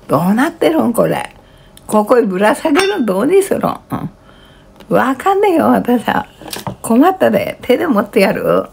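An elderly woman, about in her 80s, with a rural Kanto Japanese dialect mutters and grumbles in a flustered, plaintive way while reading out comments on a casual home livestream. Her voice is a little high, gravelly and darkish, swooping wildly in pitch at a normal speed. She holds a phone close to her face in a small, cluttered kitchen-dining room indoors, with faint room noise around her.

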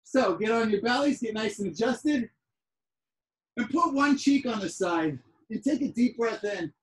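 A woman's voice: on the high side, lively intonation, unhurried. A woman leading a fitness class as instructor, coaching with countdowns and upbeat, hyped encouragement, often raising her voice to cheer people on. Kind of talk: energetic workout coaching with countdowns. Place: indoor room, live group video call. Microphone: device set back from the exerciser. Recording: distant mic on video call.

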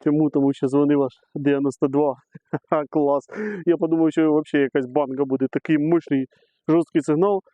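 Speaking fairly quickly in a fairly high voice with little pitch movement, a middle-aged man metal detects on an outdoor meadow and films himself. He chats casually to camera as he digs, calling viewers friends. The audio is dry, lo-fi and slightly dull.

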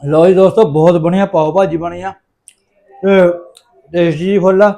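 A man's voice: high voice, fairly even intonation, normal speed, vocal fry, warm tone. A man with a Punjabi accent hosting a casual home food vlog, exclamatory and fond of repeating catchphrases to his viewers. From Punjab, India. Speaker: vlog host.

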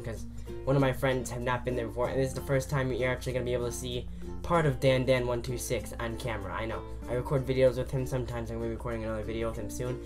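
A teenage boy vlogging in a fast, rambling, excitable way about a day out with friends. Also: mid-range voice. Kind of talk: casual vlog talk. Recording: music and crowd noise behind.

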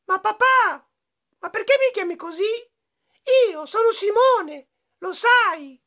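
A man voicing a tiny, stubborn boy bunny in a children's storybook, shouting and squealing. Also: extremely high pitch, lively intonation, takes it slowly, pitched above the performer's own voice, heavily acted. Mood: squeaky, surprised. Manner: squeals and shouts his silly word.

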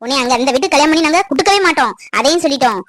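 Woman voicing a cartoon mother, middle-aged, scolding, sharp, quick talker. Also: sits high, animated, heavy background noise. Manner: sharp, scolding, fast outbursts. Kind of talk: cartoon family drama voicing.

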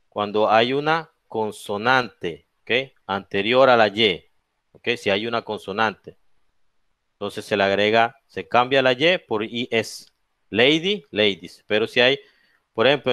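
A male English teacher with a Latin American Spanish accent gives a bilingual classroom lesson, speaking slowly and clearly. He explains each rule in English, repeats it in Spanish, and checks in with "¿ok?" and "¿ya?", drawing out his spelling of letters and example words. His mid-range voice is fairly bright, and the recording is dry.

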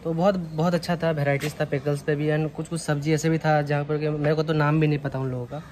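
A man's voice: fairly high pitch, little pitch movement, fast. A young man vlogging casually in a restaurant, chatty and mixing English words into his Hindi, filmed on a phone held at arm's length. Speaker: travel vlogger. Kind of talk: casual travel vlog. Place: busy restaurant indoors, then streets. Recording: loud background noise.

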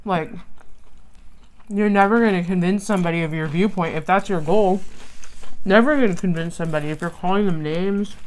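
Lower-voiced woman chatting while chewing. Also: fairly quick, rough recording. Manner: chatting while eating, chewing between phrases. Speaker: mukbang vlogger. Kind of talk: casual chat. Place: small room at home, indoors.

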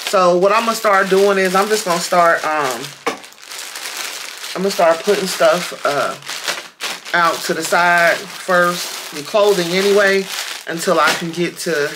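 A woman's voice: deep voice, noisy background. A woman chatting casually to viewers while unboxing a package at home, with lots of fillers and y'all. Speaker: vlogger.

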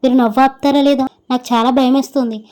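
A woman's voice: high-pitched, fairly even intonation, quick pace, mellow, close to an everyday voice. A woman doing a frightened stammering young man. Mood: scared. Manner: panicked, stammering pleas.

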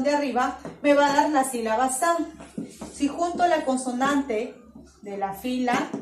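Peruvian woman, primary school teacher, patient step-by-step explanations, high voice, echoey room off-mic. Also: darkish tone, distant mic. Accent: Peruvian Spanish. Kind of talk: virtual class lesson. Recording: echoey room, voice away from mic, faint noise.

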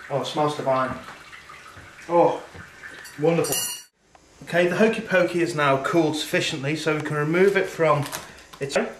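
A male host in his 30s gives a casual cooking demonstration at home at night, chatting at a moderate pace while busy at the stove. His voice is slightly high. Heard through a camera mic across the echoey kitchen, the recording is roomy and distant with slight background noise.

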